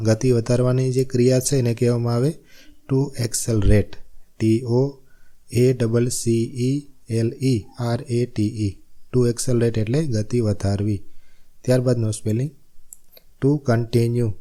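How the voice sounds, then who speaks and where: A man's voice: mid-range voice, mellow. A man with a Gujarati accent teaching a spelling lesson, spelling each word letter by letter and repeating its meaning. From Gujarat, India.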